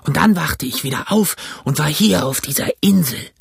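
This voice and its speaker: A man voicing a ragged, marooned old sailor in a storybook reading, with a hoarse, croaky, pleading voice. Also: fairly high pitch, expressive, moderate pace, no room sound, studio quality, pitched above the performer's own voice, heavily acted. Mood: wheedling. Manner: raised, pleading and wheedling.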